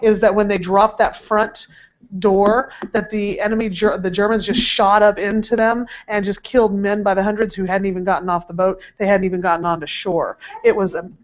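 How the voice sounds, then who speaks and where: A woman's voice: medium pitch, flat delivery, normal speed. A woman teacher questioning a student in front of a group, teasing yet encouraging, with frequent fillers. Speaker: camp teacher. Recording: dull lo-fi recording.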